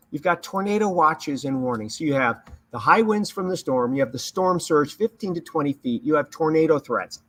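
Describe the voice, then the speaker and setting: A man with a somewhat high voice hosts a live storm broadcast. He talks through the radar in an emphatic, explanatory way, repeating key points as he goes. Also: a bit bright. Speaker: severe weather livestreamer. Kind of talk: live hurricane commentary over radar.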